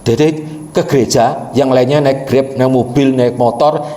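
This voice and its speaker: A man's voice: mid-range voice, fairly even intonation, measured pace, dark tone, roomy sound. A male pastor telling a story in a sermon and often turning to address the congregation directly.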